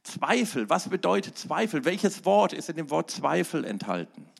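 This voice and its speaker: A middle-aged male pastor preaching a sermon, swinging between emphatic loud peaks and quiet asides. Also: on the high side, very animated, normal speed, creaky.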